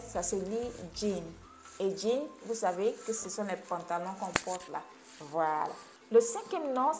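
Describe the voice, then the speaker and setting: A woman, teaching names as an English coach in a video lesson, with a playful, teasing manner. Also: mid-range voice. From Côte d'Ivoire.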